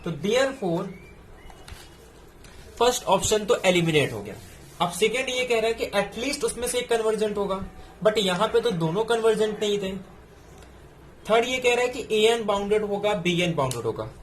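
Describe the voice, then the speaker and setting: High-voiced man tutoring math. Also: expressive, normal speed, pauses often, slight background noise. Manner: explains step by step, mixing in English terms. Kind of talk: exam solution lecture.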